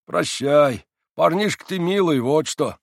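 A man voicing a calm, good-natured bearded peasant who speaks in slow, sententious phrases in a storybook reading. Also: a little high, creaky, no echo, clean studio sound, voice pushed up, heavily acted.

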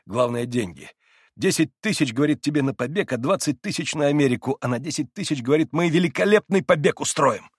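A man voicing an anguished young man awaiting trial, speaking with urgent, impassioned pleading that climbs toward desperate shouts. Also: a little high, expressive, fairly quick, slightly rough, dry recording, studio quality, voice pushed up. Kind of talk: audiobook character voice.

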